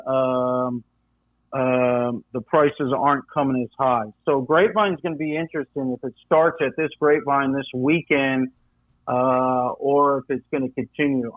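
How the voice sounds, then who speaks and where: Middle-aged man, lively storyteller, many fillers, thin phone-like sound, dry. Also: mid-range voice, dry recording. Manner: animated storyteller acting out voices, frequent fillers. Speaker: coin dealer guest. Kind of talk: storytelling in casual interview. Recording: tinny phone-like dry line.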